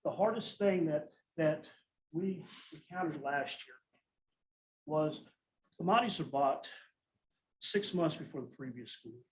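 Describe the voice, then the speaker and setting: A man, a school nutrition director, presenting a financial report at a school board meeting in a steady, matter-of-fact way, often restarting his sentences. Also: fairly high pitch, measured pace, long pauses, low-quality recording.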